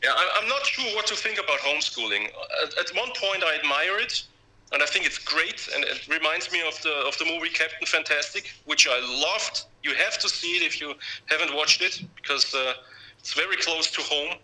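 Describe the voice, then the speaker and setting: A man calls in to a radio show with a very bright, forward voice pitched a little high. He talks as a caller working through an opinion, halting and repeating words as he goes. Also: expressive, poor audio.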